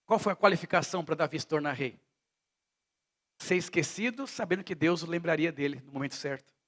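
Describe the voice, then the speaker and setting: A man from Brazil preaches at a church service in a slightly raised register. He tells stories, dropping to a hush and then rising to loud emphasis. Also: a little high, brisk. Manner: storytelling preacher, swings between hushed and loud. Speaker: pastor. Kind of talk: sermon.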